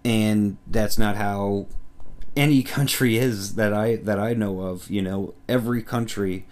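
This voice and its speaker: A man's voice: lowish voice, fairly even intonation, unhurried, darkish tone. A man giving a casual, rambling film review, enthusiastic and full of fillers and restarts.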